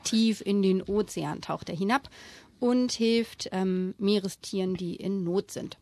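A woman in a studio podcast talking about children's books and reading from them aloud with animated storytelling. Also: medium pitch, a little slow, dry recording. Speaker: children's book guest. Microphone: close studio mic.

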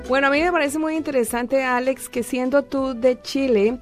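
A woman's voice: high voice, steady tone, normal speed, over music. A woman hosting a conversational radio interview, putting questions and comments to her guest.

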